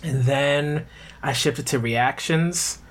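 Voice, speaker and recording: A man's voice: a little high, slow pace. A man guesting on a podcast as a manga YouTuber, talking casually and rambling with many "um"s. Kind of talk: casual interview chat.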